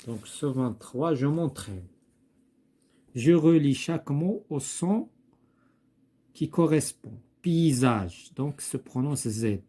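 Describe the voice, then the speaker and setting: Slow, husky Moroccan teacher. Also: male voice, on the high side, animated, dark tone. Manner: slow, repeats each word, thinks aloud with fillers. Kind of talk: slow classroom explanation.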